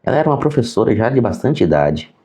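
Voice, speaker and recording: Lively Brazilian man teaching casually. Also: medium pitch, fast talker. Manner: animated, acts out quoted dialogue. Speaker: sign language teacher and interpreter. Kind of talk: casual storytelling lesson to viewers.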